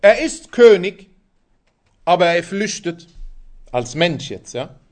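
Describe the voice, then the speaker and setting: A man with a fairly high voice teaches at an unhurried, deliberate pace, like a preacher giving a lesson. He explains step by step and keeps asking his listeners questions he then answers. He drops recited Arabic phrases into his German. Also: very animated, a little mellow. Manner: explanatory, asks the audience rhetorical questions. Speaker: Islamic preacher. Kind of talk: sermon-style lesson on Quran exegesis.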